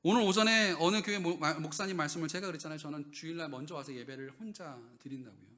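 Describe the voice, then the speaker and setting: A male pastor preaching a sermon in a church. He asks the congregation questions, then moves between loud, emphatic lines and quiet, low asides. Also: fast talker.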